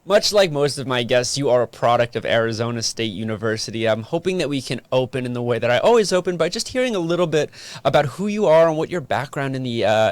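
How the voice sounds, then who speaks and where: A man with a medium-pitched voice hosts a relationship podcast, recorded with no echo. He chats casually with his guest in an interview style, staying friendly while firing off quick questions.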